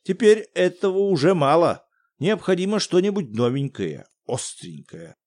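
A man voicing an excitable middle-aged academic in an audiobook, theatrical and loud. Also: sits high, normal speed, voice pushed up. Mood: condescending. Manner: bellowing, theatrical, exclamatory.

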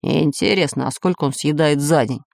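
A woman voicing a greedy, scheming male pirate who is a sidekick and sometimes talks in a hushed, plotting way. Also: deep voice, normal speed, creaky, no echo, clean studio sound.

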